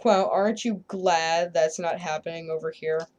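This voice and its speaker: A woman casually commenting on her own strategy gameplay, joking and sarcastic, often trailing off quietly at line ends. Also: sits low, steady tone, normal speed, dull audio. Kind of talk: casual let's-play commentary.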